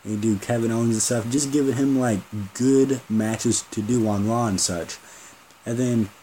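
A man's voice: medium pitch, fairly even intonation, moderate pace, dark tone, slight background noise, poor audio. A man hosting a solo podcast, rambling and joking with lots of swearing. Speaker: podcast host. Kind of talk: casual solo podcast rant.

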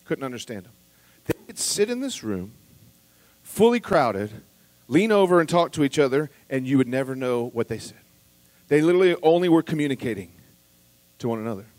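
Here a male pastor gives a sermon, earnest and chatty, climbing to forceful highs and sinking quiet again while he restarts and addresses asides to the congregation. He has a medium pitch. The audio has no echo but is of low quality.

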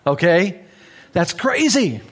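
A pastor preaching a sermon, telling stories with big rises in pitch and dropping low and quiet to stress a point. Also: male voice, takes it slowly, husky. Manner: animated storytelling with big pitch swings; drops to low, quiet emphasis.

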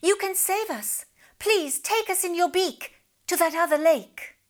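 A woman's voice: extremely high pitch, lively intonation, measured pace, pitched above the performer's own voice. A woman voicing the largest, fattest fish, pleading politely and earnestly.

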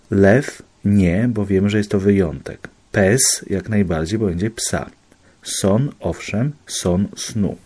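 Low husky guy going thru examples one by one, dark mellow voice, explainer mode. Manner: methodical, working through examples one by one. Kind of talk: explanatory lesson.

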